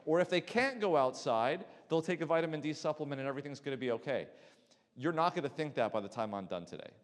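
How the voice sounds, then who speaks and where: A man's voice: on the high side, animated, quick pace. Man lecturing in a reverberant hall. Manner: conversational, asks the audience questions, frequent restarts. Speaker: physician giving a health lecture. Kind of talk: church health talk to a live audience. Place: church hall before an audience. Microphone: handheld mic, battery swapped.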